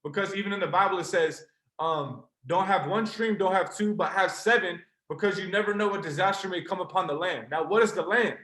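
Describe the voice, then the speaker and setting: A young adult man, a trading mentor, gives an earnest, passionate motivational sales pitch to a live online call, speaking straight to his listeners. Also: brisk, fairly bright tone. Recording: roomy echo.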